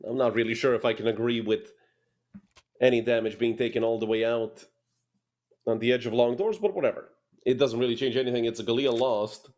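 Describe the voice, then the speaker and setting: A man casting a competitive shooter match solo, giving quick play-by-play with dry asides. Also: mid-range voice, darkish tone. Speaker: esports caster.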